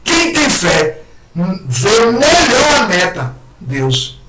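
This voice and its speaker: Hoarse, animated man lecturing from afar. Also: high-pitched, drawn-out words. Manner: animated, acts out imagined people's words. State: hoarse throat. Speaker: lecturer at a spiritist center. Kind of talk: spiritist lecture. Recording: echoey room, far mic, loud noise.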